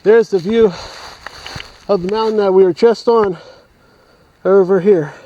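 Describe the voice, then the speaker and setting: Filming himself with a camera on an extended mount, the vlogger puffs up a steep mountain trail, thinking aloud in rambling, casual narration. His voice sits high and mellow with a steady tone and moderate pace, on a muffled recording with slight background noise.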